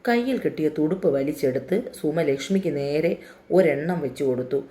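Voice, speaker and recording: A woman narrating a dramatic novel in a steady, emotive reading. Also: low voice, fairly quick. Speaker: storyteller. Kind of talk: scripted story narration.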